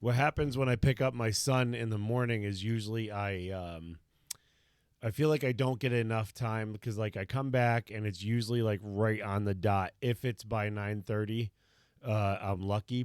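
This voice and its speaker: A man in his thirties chats on his live stream, his low voice still smooth and resonant even though it sounds a little hoarse and tired. He rambles reflectively, circling back with fillers and restarts. The sound is dry and close, with no room around it. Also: normal speed, no echo. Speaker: streamer and parent. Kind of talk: casual live-stream chat.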